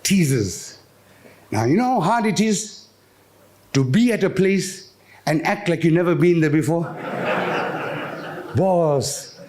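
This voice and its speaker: Indian south african guy doing standup crowd work, high voice, really animated, acts out the dialogue. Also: slow, long pauses, noisy background. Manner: animated storyteller, acting out dialogue and questioning the audience. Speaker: stand-up comedian. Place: live on stage at a gala dinner.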